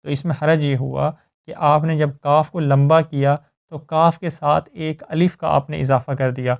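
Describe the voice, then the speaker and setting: Male tajweed tutor, clear resonant voice, slightly high, methodical and patient. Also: a little mellow, highs cut off. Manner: patient, explains step by step, checks with "ok?". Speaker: Quran recitation teacher. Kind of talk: tajweed lesson with slow recitation.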